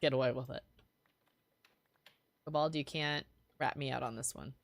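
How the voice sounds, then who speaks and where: A woman's voice: extremely low pitch, fairly even intonation, moderate pace, vocal fry, dry recording. A woman chatting casually and playfully while gaming on a livestream. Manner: playful, bantering. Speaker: livestream gamer.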